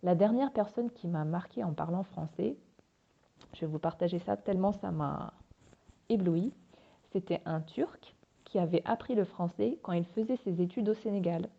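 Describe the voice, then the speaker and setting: A woman hosting a podcast, giving calm, encouraging advice straight to her listeners in a scripted monologue. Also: lowish voice, moderate pace, vocal fry, highs cut off. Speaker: podcast host and French teacher.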